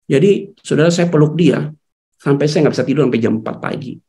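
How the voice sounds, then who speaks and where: A man preaching a storytelling sermon as a pastor at a church service. He talks emotionally, swings from loud outbursts to hushed tones, drops into casual slang and keeps addressing the congregation directly. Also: fairly high pitch, fairly quick.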